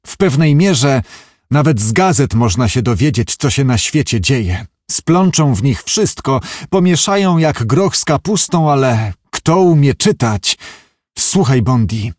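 A man's voice: mid-range voice, animated, unhurried, a little mellow, no room sound, studio quality, pitched above the performer's own voice. Marek, a man voicing an earnest, brooding engineer. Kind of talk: audiobook character voice.

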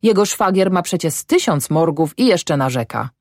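Brief: brisk peasant wife, woman reader, skeptical, dry close sound. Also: fairly low pitch, expressive, darkish tone, no room sound. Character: sharp-tongued middle-aged peasant wife. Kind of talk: audiobook character voice.

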